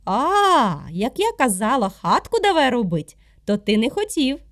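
Storybook: woman as a reproachful little calf, high and loud. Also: big pitch swings, a little slow, full character voice. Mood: scolding. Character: scolding little female calf, bare and cold. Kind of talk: storybook character voice.

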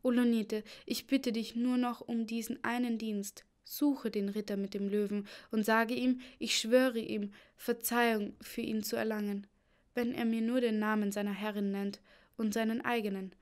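A woman's voice: on the high side, level tone, normal speed, close to an everyday voice. A woman voicing a distressed young queen who pleads anxiously. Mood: pleading.

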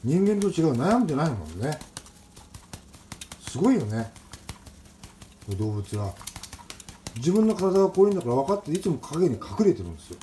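A man chats about a young pigeon in a rough, casual way, his pitch swinging widely as he coaxes and scolds it. Soft cooing and a faint hiss sit behind him. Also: big pitch swings, moderate pace, pauses often. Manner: rough casual speech, coaxing and scolding the bird. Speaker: pigeon keeper. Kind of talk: casual talk to camera and to a pet bird.

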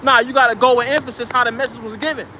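A man preaching outdoors at a street camp, confrontational and profane, ending lines with "man" and "bro" and slowing down to read scripture aloud. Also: very high voice, fairly even intonation, noisy background. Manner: reads scripture aloud slowly.

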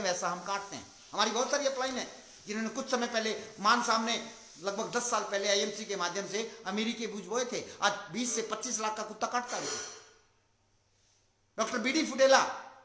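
A man's voice: high voice, sharp tone, echoey room. A man giving a motivational talk, telling a story and repeating his points with rhetorical questions. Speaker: motivational speaker.

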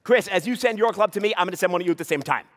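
A man's voice: sits high, animated, racing, fairly bright tone. A man performing a live comedy juggling act, teasing a volunteer in playful banter and hyping the crowd. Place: live stage before an audience.

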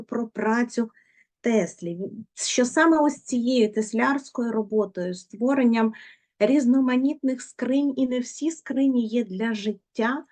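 A woman's voice: fairly high pitch, darkish tone. A woman teaching a poetry lesson, prompting her students with questions and coaxing them to answer. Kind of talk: literature lesson.

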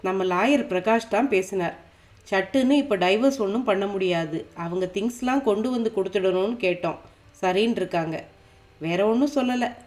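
Calm, matter-of-fact woman friend, reassuring, read by a female narrator. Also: medium pitch, normal speed, lightly acted.

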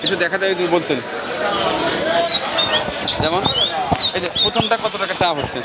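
A man's voice: sits high, normal speed. A Bangladeshi man working as a field reporter in an outdoor market, questioning sellers and repeating their answers back for viewers. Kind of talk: on-location market interview for viewers. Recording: busy outdoor market crowd noise.

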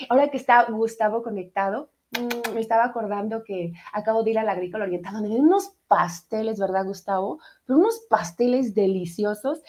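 A middle-aged woman with a Mexican accent, her voice sitting a touch high. She hosts a live radio stream in easy, casual chat, greeting her viewers one by one with plenty of affection. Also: a little mellow. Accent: Mexican Spanish. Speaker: radio show host.

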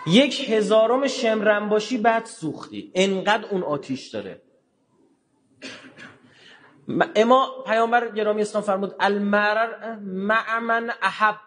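A man giving a religious lecture in a colloquial way, telling stories and acting out the dialogue, with sudden low, quiet asides. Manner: colloquial, acts out dialogue in quotes.

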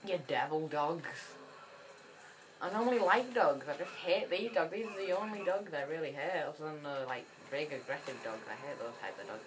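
Female gamer, low register, chatty and excitable commentary. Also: moderate pace, background noise. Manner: chatty and excitable, rambling with frequent restarts. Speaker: gaming channel host. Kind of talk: casual gameplay commentary.

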